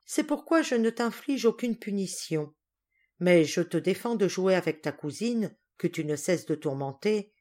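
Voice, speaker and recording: Strict dad read by a woman, calm and reproachful, lower voice, slow storybook style. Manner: measured, grave, reproachful. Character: stern but fair father, calm authority.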